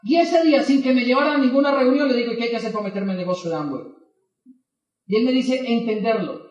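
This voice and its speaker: Man, motivational speaker, storytelling to an audience, acts out both sides of dialogues, very high voice, distant from the mic. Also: quick pace, a little mellow, reverberant, dull audio.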